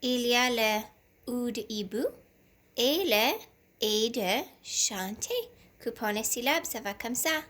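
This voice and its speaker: A woman teacher leads a reading lesson for young children from home. She talks at a very unhurried pace, stretching out each syllable with care, in a somewhat high voice. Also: fairly bright tone. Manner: slow and deliberate, sounding out syllables.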